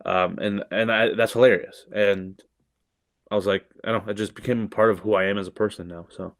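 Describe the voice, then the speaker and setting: A young man with a low voice talks about his craft on a podcast. He speaks loosely, swears, and trips over his own sentences. The sound is dry and close. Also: fairly even intonation, brisk, dry recording. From Canada. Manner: loose, profane, lots of fillers and restarts. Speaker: comedian guest. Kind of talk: casual podcast chat.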